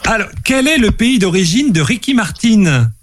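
Man, quiz host, playful and teasing, animated voice, slightly high. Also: normal speed, slight background noise. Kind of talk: hosting a casual online quiz.

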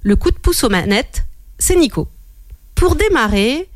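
Woman radio host, lively studio announcing. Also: high-pitched, unhurried, no echo. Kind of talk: scripted radio presentation.

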